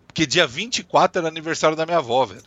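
A man's voice: a little high, rapid-fire, fairly bright tone, slightly rough. A man with a Brazilian Portuguese accent chatting casually, with a slangy, joking manner, as a co-host. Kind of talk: casual chat.

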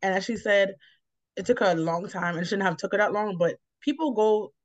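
This is a woman from New York, United States, acting as host in a laid-back, reflective conversation, her explanations rambling but encouraging. She speaks a little fast at medium pitch, captured in a dry, slightly dull, lo-fi recording.

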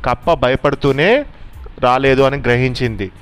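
A man's voice: mid-range voice, moderate pace, smooth, soft background music. A man telling a bedtime story to a child, explaining things patiently as he goes.

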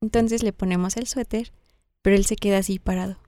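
A woman co-hosting a casual chat, reading tips in a steady voice and laughing along. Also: medium pitch, a little fast, dry recording. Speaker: co-host.

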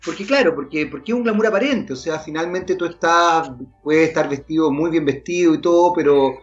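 Man, podcast host, fairly high voice, hesitant, lots of restarts, muffled lo-fi sound. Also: fairly quick, faint music behind. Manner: hesitant, many restarts and fillers. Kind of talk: long interview questions. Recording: dull lo-fi audio.

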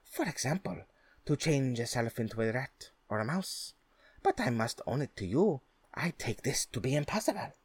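A man voicing a cunning, flattering male cat in boots who talks in a courtly, polite way. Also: medium pitch, moderate pace, husky, no echo, pitched above the performer's own voice.

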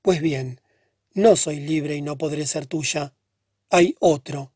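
A man reading the part of a pale, troubled young woman who speaks softly and sadly. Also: sits low, slow pace, husky, dry recording, studio quality, heavily acted. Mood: pleading. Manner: soft, subdued and hushed.

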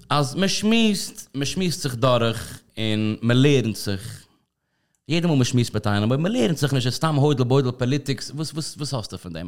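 Podcast host guy in his studio, rambly casual chat, throws in english words, mid pitched voice.

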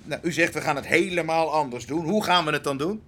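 A man's voice: on the high side, a little fast, fairly bright tone, close to an everyday voice. A man playing a tired, hard-drinking police commissioner who stammers and protests in an audio drama. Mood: flustered. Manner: flustered, stammering, indignant.

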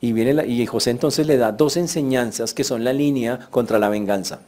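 A man's voice: medium pitch, normal speed, darkish tone. A man preaching a sermon, telling the story vividly and acting out the voices of the people he quotes.

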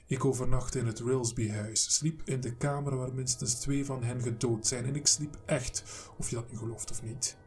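A man's voice: medium pitch, fairly even intonation, moderate pace, soft background music, lightly acted. A man reading a defiant journalist's inner voice. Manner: inner monologue, stubborn. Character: defiant male journalist talking himself up.

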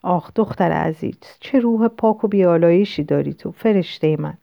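A gushing, flattering middle-aged lady from an audiobook, as a woman narrator puts her on. She speaks in an effusive, sugary way with a raised tone. The recording is dry and a little dull. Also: on the low side, vocal fry, dry recording. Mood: doting.

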